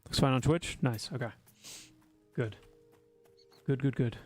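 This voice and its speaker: A man's voice: mid-range voice, a little slow, a little mellow, faint music behind. A man streaming a video game, chatting casually with his viewers and teasing them with wry asides. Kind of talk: casual livestream commentary while gaming.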